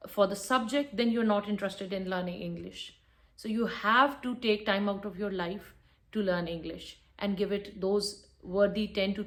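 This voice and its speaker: A woman giving a spoken English lesson, firm and instructive, repeating her key points. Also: mid-range voice. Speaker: English teacher.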